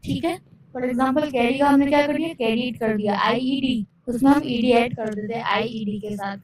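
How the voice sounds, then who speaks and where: A woman teaching English spelling rules in Hindi. She reads each English rule slowly, then explains it quickly in Hindi, and asks questions that she answers herself. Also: on the high side, a little mellow, low-quality recording.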